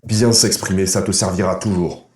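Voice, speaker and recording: A masculinity and dating coach speaks straight to the camera in an indoor room, blunt and informal, treating the viewer like a buddy and checking in with "ok?". His voice is low and darkish, with fairly even intonation at a moderate pace. The room sounds echoey.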